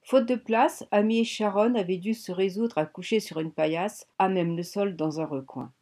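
A woman reading a novel aloud as an audiobook narrator, in a measured storytelling manner. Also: mid-range voice, dark tone. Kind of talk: scripted narration.

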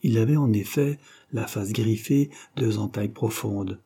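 A man narrates a classic novel in a measured, literary reading. His voice sits low, with a dark and husky tone. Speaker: audiobook narrator.

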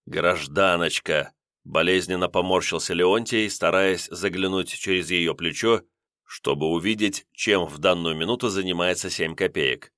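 A male narrator reads a novel aloud in a measured, expressive way. His voice sits somewhat low. The recording is dry and close, with no room sound. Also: no room sound. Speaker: audiobook narrator. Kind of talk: scripted narration.

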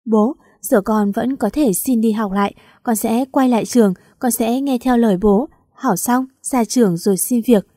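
A woman's voice: a little high, normal speed, hardly any pauses, dark tone, no echo, clean studio sound, close to an everyday voice. A woman reading the part of a remorseful young daughter, sobbing and pleading with her father.

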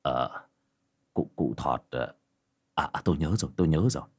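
A man voicing a terrified grandfather who speaks low and falters. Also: moderate pace, a little mellow, husky, exaggerated voice. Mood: fumbling. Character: shaken grandfather, pale and terrified.

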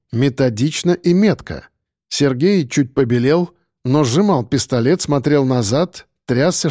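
A man narrating an audiobook in the first person in a steady, tense storytelling manner. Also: a little high, no echo, clean studio sound.

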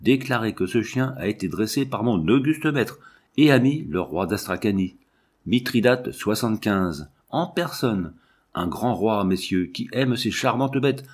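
A man's voice: mid-range voice, breathy edge. A man doing a pompous fairground showman. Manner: pompous, declamatory.

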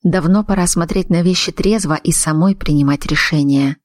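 A woman narrating an audiobook in the first person with an even, measured reading. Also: fairly low pitch, no room sound. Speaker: audiobook reader.

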